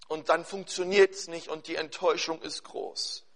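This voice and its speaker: A man delivers a sermon in a notably high-pitched voice, pressing his points through repetition. He talks straight to his listeners and leads them in prayer. His delivery swings between forceful, loud stress and quiet, hushed passages. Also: fairly even intonation, normal speed, creaky. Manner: emphatic, repeating key phrases, swinging between loud and hushed; addresses listeners directly. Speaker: preacher.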